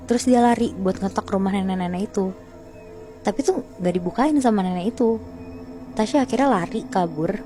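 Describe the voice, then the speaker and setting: A woman telling a horror story to a friend in a chatty, slangy way, often calling out to her listener. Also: medium pitch.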